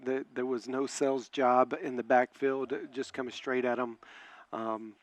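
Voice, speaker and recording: A man's voice: mid-range voice, level tone, a little slow, no echo. Guy doing color commentary for a football game, lots of uhs, dry booth sound. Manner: hesitant, many uhs, plain-spoken.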